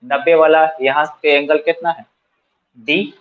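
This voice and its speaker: Slow and steady, a man explains math steps aloud in a coaching centre, using everyday Hindi with a Bihari accent and English math vocabulary, asking his students things and then answering them himself. His voice is on the high side with little pitch movement. The audio is narrow and tinny.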